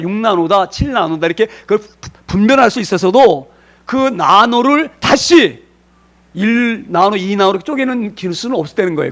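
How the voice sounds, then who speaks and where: High-voiced male pastor preaching. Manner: asks the congregation frequent rhetorical questions. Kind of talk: sermon.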